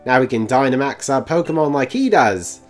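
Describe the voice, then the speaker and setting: A man voicing an eager, cocky young male rival trainer who talks in an excitable, boastful way. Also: medium pitch, normal speed, soft background music, close to an everyday voice. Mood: excited.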